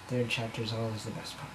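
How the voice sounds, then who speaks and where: A man giving a comic dramatic reading of fan fiction in his bedroom, rambling and self-conscious, often stumbling over words, on a camera mic. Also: fairly low pitch. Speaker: amateur reader. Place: bedroom at home. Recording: echoey room with background noise.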